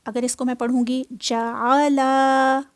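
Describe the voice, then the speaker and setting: A woman teaching Quran recitation in a slow spoken lesson, patiently sounding out syllables and mixing in English words. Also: fairly high pitch, fairly even intonation, mellow, no echo.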